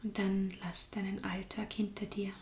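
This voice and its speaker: Calm lady leading a meditation, flat soothing tone, some whispering, echoey room. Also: medium pitch, creaky, slight background noise. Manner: slow, calm, soft-spoken, drifts into whispers. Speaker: meditation guide. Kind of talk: guided meditation.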